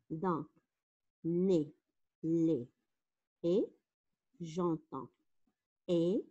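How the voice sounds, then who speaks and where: A woman with a Moroccan French accent teaching a phonics lesson, slowly spelling out letters and syllables. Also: mid-range voice, mellow, husky. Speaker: primary school teacher. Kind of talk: slow, deliberate phonics lesson. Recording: dull, lo-fi recording.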